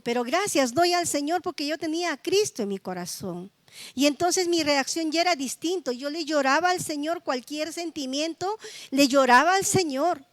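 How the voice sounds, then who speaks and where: High-voiced woman pastor preaching. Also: dry recording. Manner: conversational, frequent tag questions. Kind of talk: sermon with personal testimony.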